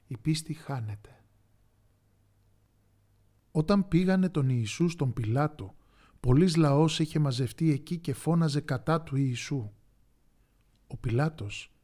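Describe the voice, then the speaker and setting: A man narrating a Bible story in a slow, dramatic way, with pauses and the odd whisper. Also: fairly high pitch, warm tone.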